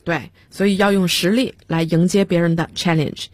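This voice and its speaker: A woman's voice: fairly low pitch, fairly even intonation, moderate pace, no echo. A woman teaching English vocabulary on a radio lesson, spelling words out letter by letter and giving example sentences.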